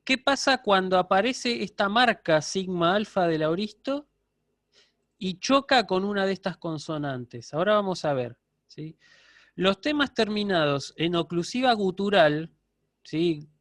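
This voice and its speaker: A man's voice: high-pitched, animated, measured pace, a bit bright, dry recording, clean studio sound. A man giving a university lecture online, explaining step by step and checking in with his students. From Argentina.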